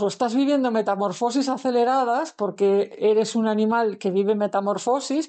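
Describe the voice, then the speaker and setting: A woman's voice: on the high side, dark tone. A woman, giving a spiritual lesson in a reflective way and thinking aloud with fillers and restarts. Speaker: spiritual teacher. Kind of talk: recorded lecture on the soul.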